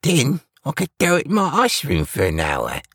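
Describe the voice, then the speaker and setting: A man's voice: mid-range voice, huge pitch swings, normal speed, fairly bright tone, husky, no room sound, voice pushed up, exaggerated voice. A man voicing a jolly, helpful village baker who laughs while he explains things, in a dry close recording. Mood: cheerful.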